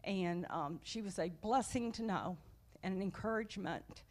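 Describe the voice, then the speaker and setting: A woman's voice: medium pitch, moderate pace, darkish tone. A woman from the church sharing memories at a memorial service, speaking in a simple, tender way. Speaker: church member giving a tribute. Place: church sanctuary.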